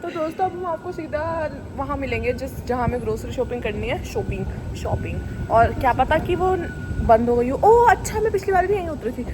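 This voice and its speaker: A woman's voice: high-pitched, animated, brisk. A young woman from India chatting and joking as she vlogs her day out on city streets, filming on a handheld phone. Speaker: vlogger. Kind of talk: casual vlog chat. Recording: faint street noise outdoors.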